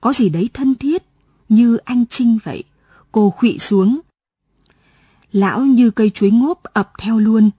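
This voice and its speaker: Mellow husky woman reading a story. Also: on the high side, a little slow, pauses often, no echo, studio quality. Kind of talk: scripted story narration. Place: radio studio.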